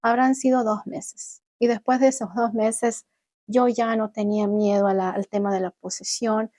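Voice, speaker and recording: A young adult woman vlogging, telling viewers about her own experience in an animated way and acting out what she once said. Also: a little high, normal speed, no room sound. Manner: animated, acts out her own past words. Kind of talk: personal storytelling to viewers.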